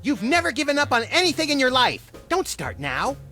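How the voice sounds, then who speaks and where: A man's voice: extremely high pitch, wildly swooping pitch, fairly quick, bright, forceful tone, faint music behind, exaggerated voice. An actor playing a small, manic, gleefully violent male rabbit sidekick in a comic cartoon game, impish and wisecracking. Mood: wry impatience.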